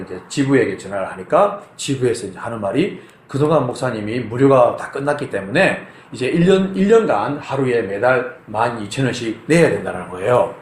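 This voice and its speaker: Animated male pastor in an echoey church. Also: mid-range voice, a little fast, slight background noise. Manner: animated storytelling, acts out phone arguments. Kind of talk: sermon with personal story. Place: church sanctuary.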